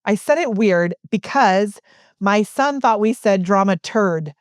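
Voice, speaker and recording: A middle-aged woman speaks as a guest in a casual interview, in an ordinary mid-range voice. She tells stories in an animated way and laughs between her points. Her voice sounds dry and close. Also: mid-range voice, takes it slowly, no room sound. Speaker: guest, business coach.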